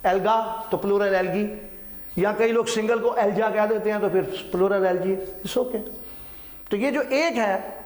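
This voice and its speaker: Man, science teacher, high voice, repeats key terms, roomy echo. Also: measured pace, a little mellow. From Pakistan. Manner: repeats terms, checks in with "ठीक है"; mixes English terms into Urdu. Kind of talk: classroom biology lecture.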